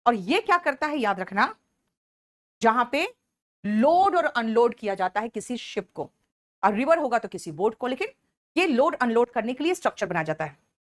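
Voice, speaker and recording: A woman teacher giving an exam-prep vocabulary lesson, animated, calling her students "beta" and slowing down to dictate English definitions. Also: on the high side.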